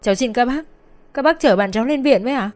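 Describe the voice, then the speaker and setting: A woman's voice: medium pitch, brisk, faint music behind, voice pushed up, close to an everyday voice. A woman voicing a young woman who cries and begs bystanders for help. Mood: pleading, tearful. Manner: tearful, begging, shouting.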